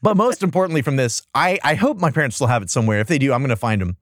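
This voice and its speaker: A man's voice: medium pitch, lively intonation, rapid-fire, no room sound, clean studio sound. An American man chatting casually as a podcast host, with a sarcastic, incredulous, joking manner. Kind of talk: casual comedic chat about old cartoons.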